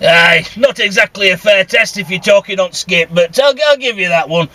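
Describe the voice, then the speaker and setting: This CB radio vlogger, a man with a Northern English accent, drives while rambling on casually and bluntly, swearing and grumbling. He speaks at normal speed in a high, sharp-toned voice, recorded inside the vehicle with no room sound.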